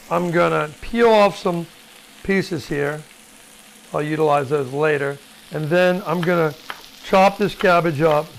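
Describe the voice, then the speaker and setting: Male chef host, slightly higher voice with gravel, relaxed chatty kitchen demo over faint sizzling. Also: a little hiss or hum. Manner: chatty, informal, with frequent fillers and asides. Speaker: chef teaching a cooking class. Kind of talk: casual cooking demonstration. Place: home kitchen, cooking at the stove. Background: sizzling pan and chopping.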